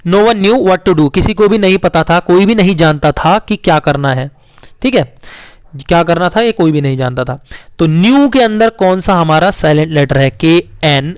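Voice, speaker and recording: A male teacher patiently explaining spelling to young children, coaxing them along and repeating words slowly letter by letter. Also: fairly high pitch, lively intonation, clear, resonant tone, dry recording. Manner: coaxing, addresses children as beta.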